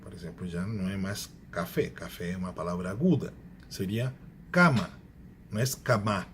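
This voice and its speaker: A man's voice: low-pitched, a little mellow, slight background noise. Man teaching grammar. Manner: explanatory, repeats examples slowly, self-corrects. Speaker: Spanish teacher. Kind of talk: classroom grammar lecture.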